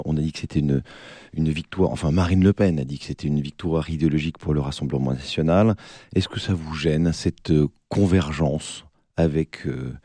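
A man with a French accent from France hosting a political debate, his gravelly, hollow voice hoarse from a cold. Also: a bass voice, warm tone, no echo. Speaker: debate show host.

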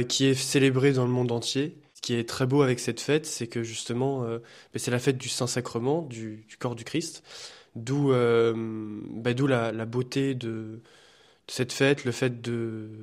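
A young man from France, a student guest in a radio studio interview, speaking hesitantly with many filler pauses. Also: medium pitch. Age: young adult.

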